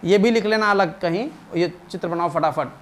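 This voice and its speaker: A male math teacher lecturing a class in a fairly high voice. He repeats each point again and again, urging students to hurry and memorize. A faint ambient hiss sits under his voice. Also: a little fast. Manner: emphatic and repetitive, drilling students; coaxing, calls students "beta".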